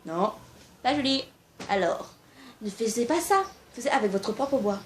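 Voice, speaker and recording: A woman's voice: fairly high pitch, animated, measured pace. A young woman talking casually to camera and giving amateur singing tips, informal and a little hesitant, with frequent fillers.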